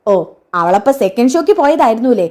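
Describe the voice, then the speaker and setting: A woman's voice: a little high, expressive, fast, a little mellow, natural voice. A woman reading as a pushy lovesick young man. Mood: irritated.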